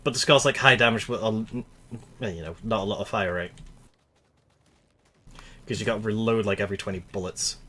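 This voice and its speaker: A man's voice: lowish voice, fairly quick, long pauses, pushed and bright. Chatty young man streaming a game. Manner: rambling and chatty, laughs at himself. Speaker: gaming streamer. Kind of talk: casual gameplay commentary.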